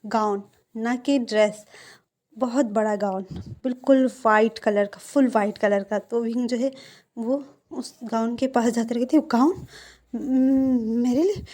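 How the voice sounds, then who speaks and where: A woman tells a fan fiction story in a casual, chatty manner and talks straight to her audience. Her voice sits a little high yet sounds mellow and soft. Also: fairly even intonation, a little slow. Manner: chatty, addresses viewers directly.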